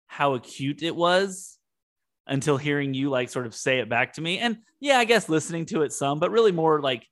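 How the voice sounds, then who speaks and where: A man's voice: on the high side, fairly bright tone. A man co-hosting a podcast, talking in an earnest, reflective way as he thinks aloud. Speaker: podcast co-host. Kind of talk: casual heartfelt conversation.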